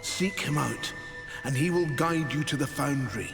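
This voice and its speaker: Slow, grave old sage. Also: male voice, medium pitch, vocal fry. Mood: grave, weary. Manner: solemn, deliberate. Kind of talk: dramatic fantasy game dialogue. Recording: long reverb, music behind.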